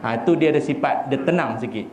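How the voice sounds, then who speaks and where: A man with a Malaysian accent giving a humorous sermon, animated and joking as he acts out little scenes. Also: mid-range voice, fast, a little hiss or hum. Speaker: preacher. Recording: echoey hall with faint ambience.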